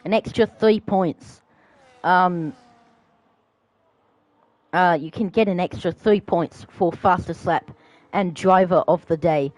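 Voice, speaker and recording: A young man giving live commentary on a sim racing league, rising to excited shouts at close battles and dropping to calmer asides. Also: high-pitched, slow, pauses often, no room sound, low-quality recording.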